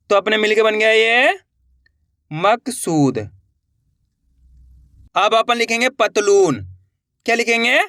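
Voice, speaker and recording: A man's voice: sits high, fairly bright tone, no room sound, studio quality. A man teaching how to write words letter by letter, repeating each word and answering his own questions. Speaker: Hindi writing teacher. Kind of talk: slow step-by-step spelling lesson.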